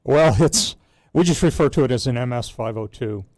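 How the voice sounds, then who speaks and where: A man's voice: mid-range voice, moderate pace, a little mellow, no echo. A man on a radio show explaining historic aircraft in a precise, informative way. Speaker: museum guide explaining aircraft. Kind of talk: casual talk radio chat.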